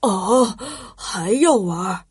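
A woman voicing a patient, cheerful father who gently explains things to his child in a children's story. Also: medium pitch, animated, a little slow, breathy edge, dry recording, clean studio sound, voice pushed down. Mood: coaxing.

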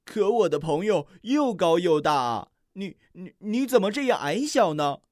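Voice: medium pitch, very animated, normal speed, darkish tone, no room sound, studio quality, voice pushed up, natural voice. A reader doing a wondering little bird. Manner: questioning, wondering. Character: small bird returning to find her friend.

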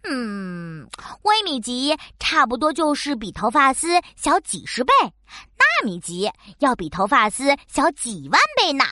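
A woman voicing a small, friendly, knowledgeable frog in a children's science cartoon, speaking in a frog voice punctuated with croaks and explaining things like a little teacher. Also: high-pitched, big pitch swings, measured pace, bright, forceful tone, no echo, studio quality, full character voice. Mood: explanatory.

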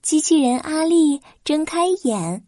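A woman's voice: high voice, lively intonation, measured pace, warm tone, no room sound, studio quality. A woman reading a scripted children's story as its narrator.

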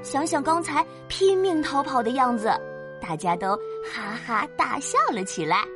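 A woman telling a children's story as a mother, playful and animated, with sound words. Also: high voice, normal speed. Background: children's background music.

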